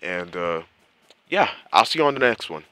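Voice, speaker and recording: A man's voice: deep voice, big pitch swings, normal speed, pushed and bright, no echo. A young man giving casual, rambling gameplay commentary as a channel host, exasperated and slangy. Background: faint game music.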